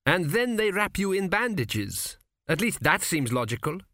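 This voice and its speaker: A man voicing a newly dead king who grumbles and frets, raised well above his own pitch. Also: sing-song, normal speed, bright, forceful tone, no room sound, clean studio sound, full character voice. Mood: puzzled, doubtful. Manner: querulous, grumbling. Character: fretful newly dead male king, indignant.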